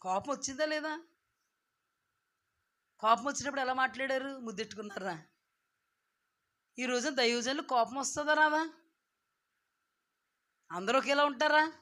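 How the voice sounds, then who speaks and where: A woman preaching a sermon, firing rhetorical questions and swinging from soft asides to loud, drawn-out declaiming. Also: high-pitched.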